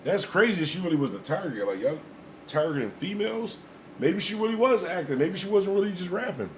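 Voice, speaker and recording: A man's voice: sits high, very animated, fairly quick, a little hiss or hum, low-quality recording. Slangy man hosting a casual livestream. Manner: loose, repetitive, slangy talk with laughing asides. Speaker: livestream host. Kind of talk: casual livestream reaction commentary.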